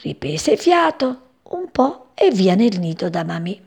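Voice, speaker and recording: Slow, expressive woman reading a children's story. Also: mid-range voice, creaky, husky. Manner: expressive, gentle, unhurried.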